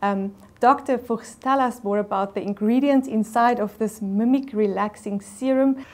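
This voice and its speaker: A woman's voice: a little high, moderate pace, a little mellow. A middle-aged woman with a South African accent hosting a TV shopping show, talking up a product in enthusiastic, superlative-heavy sales talk. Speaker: TV shopping presenter. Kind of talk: TV shopping presentation. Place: TV studio set. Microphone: lapel mic.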